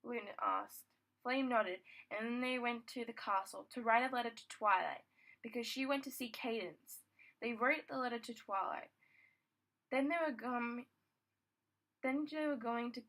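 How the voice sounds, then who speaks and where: A woman's voice: a little high, moderate pace, fairly bright tone, low-quality recording. A young woman casually reading her own fan fiction aloud, stumbling and restarting lines as she goes. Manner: stumbling, rereads words, restarts sentences.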